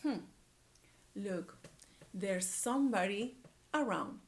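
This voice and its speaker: Her mid-range voice moves slowly but with lively intonation as she reads aloud to young children. This early-grade teacher repeats words and phrases, nudging the kids along with questions.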